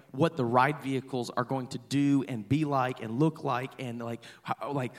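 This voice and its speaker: A man's voice: a little high, fairly bright tone. A man in his thirties, a pastor, telling a personal story in a chatty, playful sermon to his congregation. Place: church hall.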